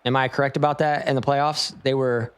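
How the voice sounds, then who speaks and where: A man's voice: mid-range voice, flat delivery, a little fast, clean tone. A man commentating an online esports tournament in an easygoing, rambling, playful way.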